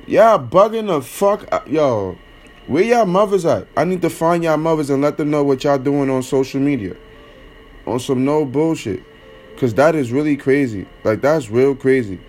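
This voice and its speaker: Young male host, slightly high voice, profane and mocking opinion rant, faint music underneath. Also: animated, moderate pace, a little mellow. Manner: blunt, profane, slangy and mocking. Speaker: podcast host giving opinions.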